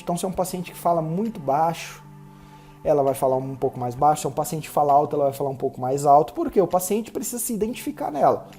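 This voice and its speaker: A Brazilian man hosts a solo podcast, speaking quickly and instructively straight to the listener. His voice is dark and mellow, with soft music faintly under it. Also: high voice. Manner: fast-talking, instructive, addresses listener directly. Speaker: podcast host.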